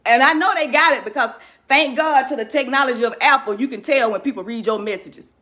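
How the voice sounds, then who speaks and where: An angry woman talks straight to her followers in a high, tense voice that is pitched up and pushed hard. She is shaking with anger and hammers every point with indignant emphasis. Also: fast talker, pushed and bright. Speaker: community activist addressing followers. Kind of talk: impassioned direct-to-camera rant.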